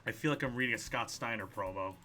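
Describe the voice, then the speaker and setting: A man hosting a video game playthrough, reading dialogue aloud in an animated way, stumbling over words and adding his own side comments. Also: mid-range voice, quick pace, faint music behind. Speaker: let's play host.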